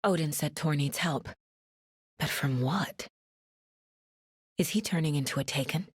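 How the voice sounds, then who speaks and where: This is a video game's determined female investigator, delivering voice lines in a lowish, distinctly husky voice that's recorded close and dry with no room sound. She's introspective, thoughtful and focused, speaking unhurriedly in an understated, natural way.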